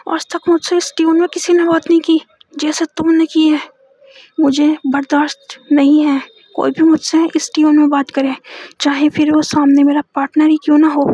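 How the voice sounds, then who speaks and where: A woman voicing a defiant, hot-tempered young woman who talks back in a loud, challenging, taunting way. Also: sits high, little pitch movement, normal speed, no room sound. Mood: indignant.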